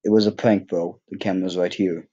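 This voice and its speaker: A man's voice: sits low, level tone, brisk, mellow, highs cut off. A young man giving casual, joking gameplay commentary, rambling with many fillers and mocking himself. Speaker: gaming YouTuber.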